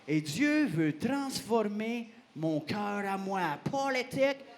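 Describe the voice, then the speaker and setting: Playful children's storyteller, slow and singsong, in an echoey hall. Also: male voice, high-pitched. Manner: playful, expressive, asks questions of the audience. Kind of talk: animated Bible story for children. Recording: roomy hall, faint noise.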